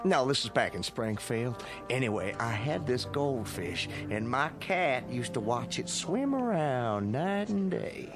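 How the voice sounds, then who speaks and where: A man's voice: mid-range voice, sing-song, measured pace, hardly any pauses. An actor playing a gullible, long-winded Old West townsman in old-time radio drama style, with a rustic, rambling way of telling things. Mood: rambling, earnest. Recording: loud music under the voice.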